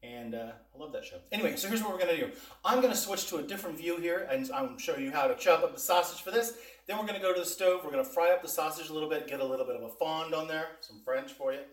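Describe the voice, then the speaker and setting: This cooking vlog host talks fast in a fairly high voice, giving a casual demonstration and taste test in his kitchen while chatting with viewers in a folksy style. The mic is far off, leaving an echoey, roomy sound.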